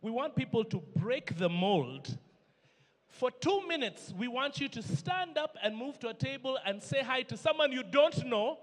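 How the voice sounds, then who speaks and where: Emcee: playful male gala host from northern Uganda, high voice, echoey banquet hall. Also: expressive, normal speed. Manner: playful, switches between French and English, banters with co-host. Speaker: event emcee. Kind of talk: live gala hosting. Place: large indoor banquet hall.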